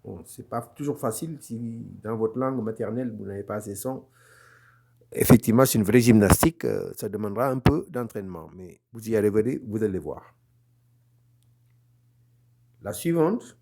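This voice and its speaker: With a lowish, sing-song voice carrying a breathy edge, a Quran recitation teacher speaks at a moderate pace and leaves long pauses. His online lesson moves slowly, step by step, and he patiently repeats every sound for his students in an encouraging, gently reassuring way.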